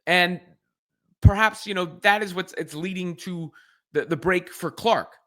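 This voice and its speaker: Bright, high-voiced male sports commentator. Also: unhurried. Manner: earnest, repeats and restarts phrases while thinking. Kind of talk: solo sports reaction commentary.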